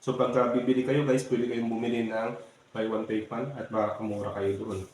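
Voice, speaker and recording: With a Filipino accent, a man gives viewers a casual step-by-step product walkthrough, addressing them often. His mid-range voice is level and darkish, moving a little fast. The space is very echoey, with faint noise in the background.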